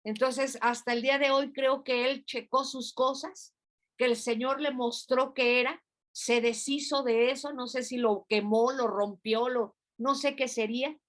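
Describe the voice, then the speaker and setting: A woman's voice: sits high, fairly even intonation, measured pace. An older woman pastor, preaching in a conversational way and acting out prayers and dialogue. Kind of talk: informal sermon.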